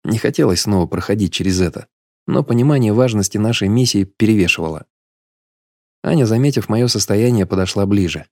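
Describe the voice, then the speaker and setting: Here a man reads an audiobook aloud at a steady, measured storytelling pace, his voice sitting on the low side. There's no echo, and the audio is studio quality.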